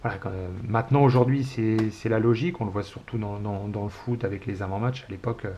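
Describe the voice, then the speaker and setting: A man's voice: on the low side, steady tone, fast, mellow. A man in his forties from France, hosting a casual solo chat show, rambling with many hesitations in a fond, nostalgic way. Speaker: show host. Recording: dull home recording with faint hiss.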